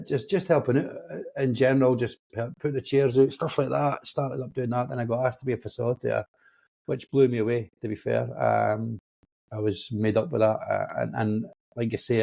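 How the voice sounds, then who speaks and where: A man's voice: on the low side, creaky, dark tone. A man in his forties with a Dundee Scottish accent, telling his own story casually as a podcast guest. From Dundee, Scotland. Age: 40s. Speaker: podcast guest, men's support group facilitator. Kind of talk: casual chat, personal storytelling.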